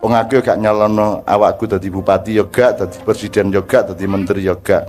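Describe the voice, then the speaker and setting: A man's voice: lowish voice, fairly even intonation, brisk, darkish tone, faint music behind. An older man with an East Javanese accent gives a joking, conversational religious talk to a crowd, often asking them questions. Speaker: preacher.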